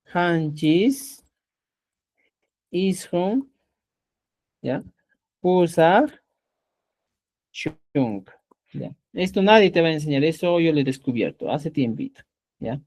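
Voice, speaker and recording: A man teaching a live online Quechua class, quizzing his students and saying "ya" again and again. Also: high voice. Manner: lively, repeats "ya" and quizzes students.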